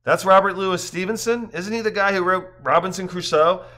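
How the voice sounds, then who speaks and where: A man's voice: sits high, brisk, pushed and bright, voice pushed up. A man voicing an easygoing adult brother who talks in a casual, bantering way.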